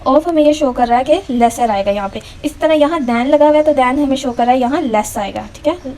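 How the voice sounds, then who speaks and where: A woman grammar teacher patiently explaining rules step by step and reading example sentences slowly. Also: high-pitched, mellow, rough recording. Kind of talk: explaining a lecture.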